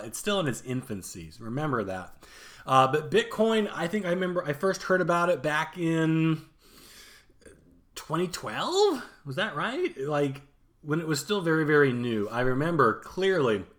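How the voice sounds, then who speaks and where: A man's voice: medium pitch, a bit bright. A man in his thirties telling a self-mocking story in a casual, chatty vlog. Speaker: vlogger.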